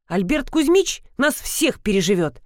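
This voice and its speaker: A woman's voice: fairly high pitch, big pitch swings, a little slow, darkish tone, dry recording, voice pushed up. Woman doing a dry, muttering young man.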